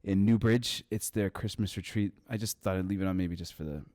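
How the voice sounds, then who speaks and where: A man's voice: sits low, steady tone, fairly quick, a little mellow, no room sound, studio quality. A man interviewing a guest in an informal, joking, loosely meandering chat.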